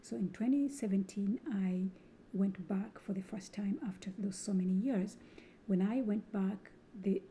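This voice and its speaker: A young woman speaks with a deep, mellow, very dark tone at a middling pitch. She coaches earnestly about relationships, circling back and restating her points. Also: slight background noise. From Rwanda. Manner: earnest, rephrases and repeats herself often. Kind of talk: solo advice talk.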